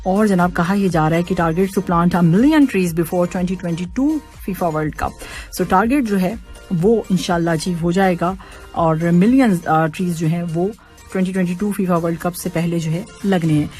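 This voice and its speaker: A woman's voice: fairly low pitch, a little slow, darkish tone, soft background music. A woman radio host chatting casually on air, reading out listener messages and laughing often. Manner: chatty, laughs often, mixes in English words. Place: radio studio.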